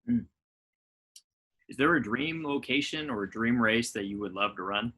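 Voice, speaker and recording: A man's voice: mid-range voice, animated, moderate pace, bright, forceful tone. A man interviewing in a casual, conversational style as the host.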